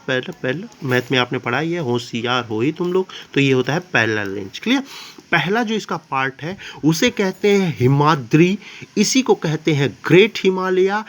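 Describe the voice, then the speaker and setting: A man teaching a geography lesson in a chatty classroom style, terms into his talk and often asking if it is clear. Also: on the high side. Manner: chatty, addresses students as babu, asks "clear?".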